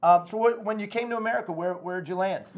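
A man's voice: high voice, quick pace, dull audio. A man in his forties hosting a sports podcast, asking friendly follow-up questions. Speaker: podcast host. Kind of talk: casual interview chat. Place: studio set with wood backdrop.

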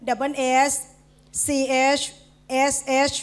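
A woman from Thailand teaching English in a school meeting hall, calling out words one at a time for the class to repeat. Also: extremely slow. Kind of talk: classroom pronunciation drill.

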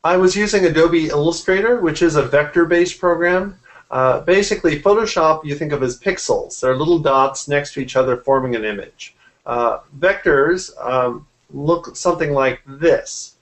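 Speaking from a room at home, this man in his forties, a graphic artist, talks casually about his work in a video-call interview picked up by his computer mic. He has a fairly high voice and speaks at a normal speed.

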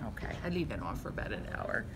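A woman's voice: rumbling low, sing-song, quick pace. An older woman working as a nurse, chatting casually with a patient in a reassuring, joking way. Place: small indoor surgical recovery room. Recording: noisy phone video in recovery room.

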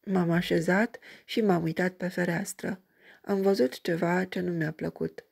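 A woman reading a crime story aloud in an even, measured way. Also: on the low side, vocal fry, breathy edge. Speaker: audiobook reader.

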